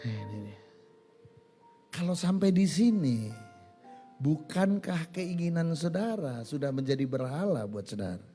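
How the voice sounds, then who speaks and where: A male pastor preaching a sermon in a church, animated, asking the congregation questions and answering them himself. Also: on the high side, measured pace, long pauses, faint music behind.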